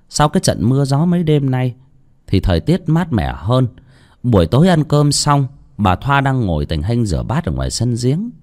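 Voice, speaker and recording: A man narrating a ghost story in a lively, dramatic reading. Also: mid-range voice.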